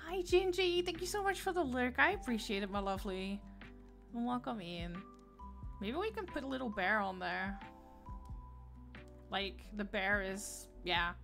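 A woman's voice: mid-range voice, animated, unhurried, creaky, pauses often, fairly bright tone, soft background music. A woman with a Dutch accent chatting casually on a gaming livestream, giggling often and greeting viewers by name.

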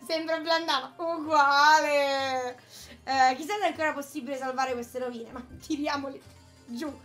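Woman streamer, high pitch, playful and mocking, swears casually. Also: steady tone, a little fast, fairly bright tone, faint music behind. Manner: playful and mocking, swears freely, laughs often. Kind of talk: casual let's-play commentary, reading game dialogue aloud.

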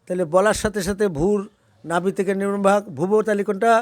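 A man's voice: high-pitched, flat delivery, no room sound. A man who teaches a small group about prayer and mantra practice, asking them questions as he goes. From Bangladesh. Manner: explains by asking questions, then chants slowly. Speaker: religious teacher.

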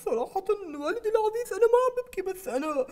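A performer voicing a spoiled, crybaby male puppet dictator in a high, whimpering falsetto with a Syrian Arabic accent. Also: expressive, rapid-fire, a little mellow. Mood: meek, whiny. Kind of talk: puppet satire acting.

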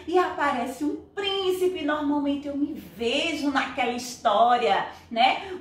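A high-voiced, middle-aged woman teacher from Brazil, speaking in an animated way to young pupils. Her pitch swings widely as she acts out story voices. She sounds far from the mic in a strongly echoing room. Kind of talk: recorded remote class for children.

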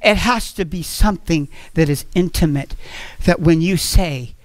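A man's voice: a little high, a little slow, no echo. A man preaching a sermon at a church fellowship, earnest and repeating phrases as he goes.

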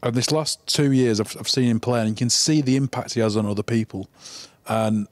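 A man's voice: medium pitch, fairly quick, dry recording. A man who is a former player, co-hosting a live podcast and talking enthusiastically, repeating words as he thinks.

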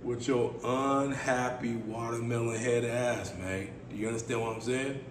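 A raspy man in his thirties, medium-pitched and speaking at normal speed, hosts a casual solo podcast, laid-back and playful with repeated phrasing. He's seated in a small room; a camera mic at mid distance records echo and a persistent hiss.

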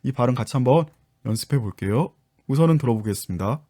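A man leads an online English lesson and takes his viewers patiently through each step. His voice is mellow and relaxed, and his pitch sits in the middle range. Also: quick pace. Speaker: English teacher and book author.

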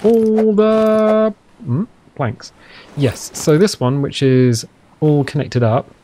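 A man with a smooth English accent giving chatty, playful let's play commentary as a gaming channel host, with self-mocking asides. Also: on the high side, slow pace, mellow, a little hiss or hum.

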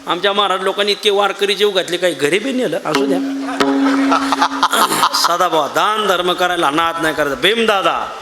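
A man's voice: high-pitched, normal speed. A male kirtan preacher telling a saint's story as a sermon, folksy and joking with a live audience in a large hall. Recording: echoey hall with loud ambient noise.

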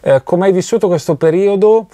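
A man's voice: sits high, brisk, mellow, no echo, studio quality. A man from Italy hosting an interview, asking questions attentively and often agreeing along the way. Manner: attentive, frequent short agreements. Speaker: interviewer, channel host. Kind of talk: conversational interview. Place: recording studio.

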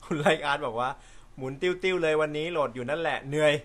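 A man hosting a casual live stream from an indoor room, reading viewer comments in a relaxed, chatty way with frequent light laughter and apologetic asides. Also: on the high side, quick pace. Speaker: host.

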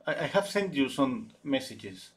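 A man's voice: medium pitch, big pitch swings. Man hosting a live painting stream. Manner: halting, thinks aloud, many restarts. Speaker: painting livestream host.

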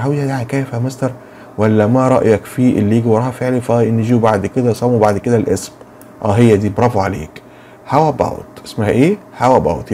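A man with an Egyptian Arabic accent explains English grammar to children, drilling each English phrase slowly. His voice is dark and mellow. Faint noise sits behind him. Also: medium pitch. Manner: asks and answers his own questions, slow drilled English phrases. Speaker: English teacher.

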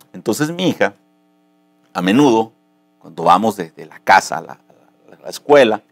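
A man pastor delivering a sermon, moving between calm teaching and impassioned, rising preaching. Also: mid-range voice, no echo.

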